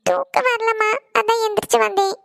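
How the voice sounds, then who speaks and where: A woman's voice: very high voice, fairly even intonation, creaky, a bit bright, dry recording, clean studio sound, pitched above the performer's own voice, exaggerated voice. A woman voicing a sulking, tearful college girl in a cartoon who whines and pleads. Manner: whiny, pleading, drawn-out. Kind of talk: cartoon voice acting.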